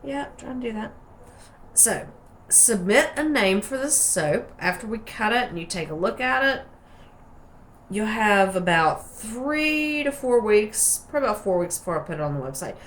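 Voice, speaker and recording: A woman's voice: mid-range voice, animated, moderate pace, a bit bright, a little hiss or hum. A woman with an Appalachian hillbilly accent, chatting casually and playfully in a rambling, folksy way as she hosts a craft vlog. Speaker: soap maker and channel host.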